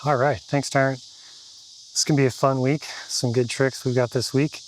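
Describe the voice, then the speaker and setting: A man's voice: mid-range voice, level tone, moderate pace, a little hiss or hum, rough recording. A man who flies FPV drones, casually walking through trick instructions step by step. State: out of breath. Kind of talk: casual tutorial explanation.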